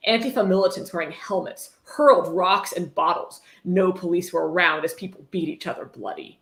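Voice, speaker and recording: Reading a book on a casual livestream, this woman speaks fairly quickly in a lowish, fairly bright voice with lively intonation. Her asides are wry, sarcastic and blunt, heard in a roomy, echoey space.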